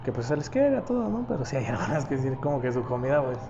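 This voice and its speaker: A man's voice: medium pitch, sing-song, fast talker, dull audio, background noise. A young man with a Mexican accent, chatting casually and rambling, peppering his talk with slang. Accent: Mexican Spanish. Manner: rambling, slangy, fills with "güey". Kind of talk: casual chat among friends.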